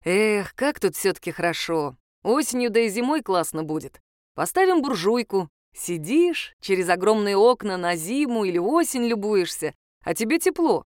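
A contented husband from a spoken family story muses in a relaxed, dreamy way, close to the reader's everyday voice, as a woman narrator reads him. The sound is dry and close. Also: mid-range voice, moderate pace, no echo, natural voice.

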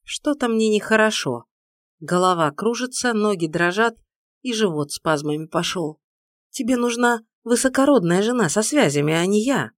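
A woman's voice: mid-range voice, expressive, moderate pace, no echo, clean studio sound, voice pushed up, close to an everyday voice. A woman voicing a young orphan heroine, agitated and pleading in tense outbursts.

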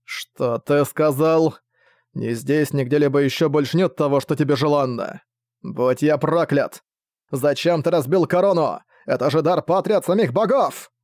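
A man's voice: on the high side, moderate pace, darkish tone, no room sound, clean studio sound, close to an everyday voice. A man voicing a proud, defiant older prince who commands a fleet, speaking in a haughty, scornful way.

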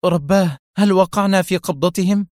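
A man's voice: fairly high pitch, steady tone, moderate pace, no echo, pitched above the performer's own voice, lightly acted. A man voicing an anxious young woman who exclaims in alarm, in a dry recording.

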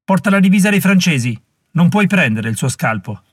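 A man's voice: sits high, sing-song, fairly quick, slightly rough, no echo, studio quality, pitched above the performer's own voice, heavily acted. A man reading an audiobook voices an angry, vengeful male Mohawk warrior who speaks aggressively. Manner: aggressive, hot-headed.

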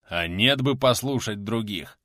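Male narrator playing a loud, slow-talking bearded warrior with a swinging voice, dry close sound. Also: medium pitch, lively intonation, no room sound, close to an everyday voice. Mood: scolding.

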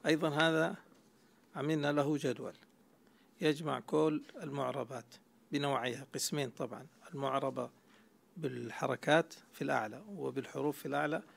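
A man's voice: medium pitch, steady tone, a little fast, gravelly. A man teaching Arabic grammar in a classroom lecture, explaining step by step and quizzing his students.

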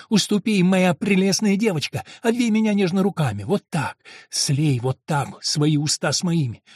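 A man reading a novel aloud, voicing a domineering, lustful monk who speaks slowly and coaxingly. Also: a little mellow, breathy edge, dry recording, clean studio sound. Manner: low, slow and coaxing.

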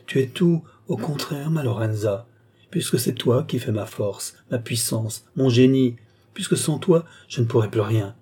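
Un homme qui lit un roman joue un mystique ambitieux qui parle avec une tendresse solennelle et mesurée. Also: male voice, medium pitch, lively intonation, measured pace, dark tone, slightly rough. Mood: ardent. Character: ambitious male mystic, grand and tender.

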